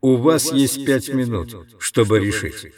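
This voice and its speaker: A man reading an audiobook, putting on a slow, sing-song, preacher-like voice that calls out over distant loudspeakers. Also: mid-range voice. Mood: coaxing. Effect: distant loudspeaker broadcast.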